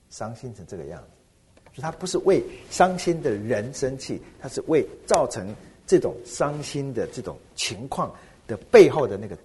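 A middle-aged man, a pastor, preaching a sermon with animated rhetorical questions. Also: medium pitch, husky.

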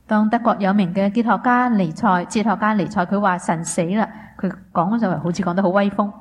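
A woman interpreting a sermon phrase by phrase, steady and fluent, with small filler sounds. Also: medium pitch, brisk.

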